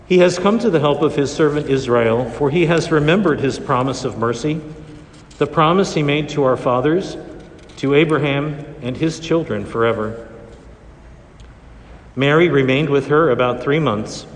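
A priest giving a liturgical reading and homily in a measured, solemn way, his voice ringing with cathedral echo. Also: a little high. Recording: echoey church hall reverb.

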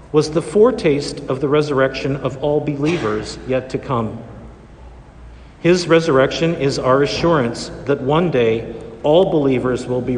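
A man, a priest reading scripture and preaching in a solemn, measured way, his voice echoing through a large church. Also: mid-range voice, slight background noise. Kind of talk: liturgical gospel reading and homily. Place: large reverberant church during Mass. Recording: long cathedral-like echo, large church.

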